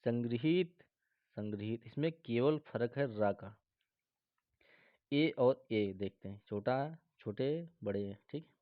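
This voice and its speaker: A man's voice: medium pitch, lively intonation, takes it slowly, no echo. Man, teacher, spelling drill, repeats every word, keeps checking in, dull dry recording. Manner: reads word pairs aloud, repeats each, adds "ठीक है?". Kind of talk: spelling lesson for exam students.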